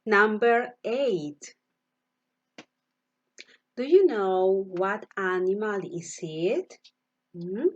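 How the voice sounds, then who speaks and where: A woman teaching English to primary school children, saying each animal word slowly and asking the kids to repeat it. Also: mid-range voice, muffled recording. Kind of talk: online class, slow vocabulary drill. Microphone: computer mic, virtual class.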